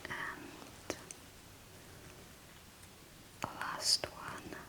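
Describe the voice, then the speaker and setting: A woman doing a soft, breathy whispered role-play, murmuring short step-by-step phrases as an ASMR host. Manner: unhurried, narrating each small hand movement in short phrases.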